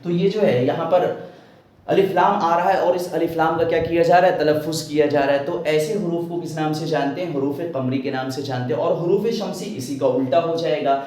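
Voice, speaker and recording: A male teacher giving a grammar lesson who asks questions and answers them himself, speaking slowly with repetition. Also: fairly high pitch, steady tone, a little mellow. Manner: slow and repetitive, tag question "hai na". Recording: echoey room.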